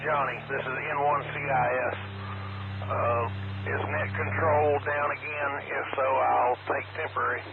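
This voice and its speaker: A man's voice: medium pitch, little pitch movement, unhurried, creaky, background noise. Man on a muffled two-way radio. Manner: clipped radio procedure, spelling out call signs. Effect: heard over a two-way radio. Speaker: amateur radio operator taking over net control.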